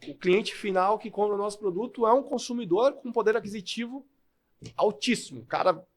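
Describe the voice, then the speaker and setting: This is a man with a São Paulo Brazilian Portuguese accent and a slightly high-pitched voice. He talks as a guest on an interview podcast, building his argument emphatically and point by point. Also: fairly quick. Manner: emphatic, lays out points step by step. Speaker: guest, sales manager.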